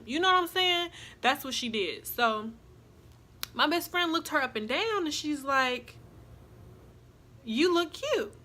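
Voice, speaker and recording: A woman's voice: high voice, a little hiss or hum. Chatty young woman telling a story. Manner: chatty, animated storytelling with asides to viewers. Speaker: vlogger. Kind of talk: casual storytime.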